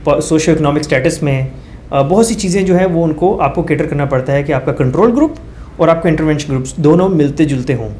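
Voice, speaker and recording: With a little hiss or hum in the background, a male doctor speaks fast in a slightly high, slightly mellow voice. As a guest, he explains research methods through numbered points and everyday examples, hesitating with fillers and mixing in English phrases.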